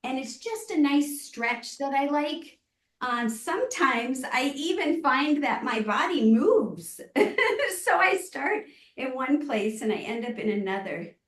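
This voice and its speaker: A woman with a fairly high voice leads casual stretches from a little way off the mic in a very echoey room. She instructs gently, encouraging people to go at their own comfort in an easygoing, conversational way. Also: animated, a little slow. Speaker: fitness class host. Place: indoor room, live online exercise session. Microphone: camera microphone at a distance. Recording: echoey room, distant microphone.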